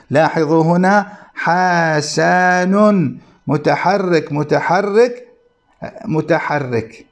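A male grammar teacher with a somewhat high voice lectures at an unhurried pace. He spells out each point deliberately and repeats terms for his class. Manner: slow, deliberate explaining with repetition, addressing students.

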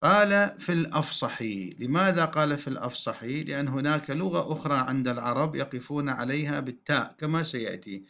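Male teacher, slightly high voice, patient classroom explainer, dull lo-fi recording. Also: sharp tone. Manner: explanatory, slows down to spell out example words. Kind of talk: classroom grammar lesson.

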